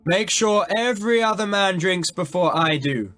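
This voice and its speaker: A man reading an audiobook voices a young English prince giving crisp commands in battle. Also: on the high side, sing-song, unhurried, soft background music, voice pushed up. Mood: brisk.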